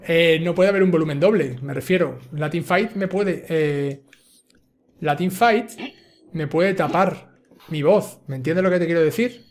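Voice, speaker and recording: Excitable Spanish gaming streamer. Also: male voice, a little high, unhurried. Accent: Spain Spanish. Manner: excitable, swearing, yelling when startled. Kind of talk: live gameplay commentary.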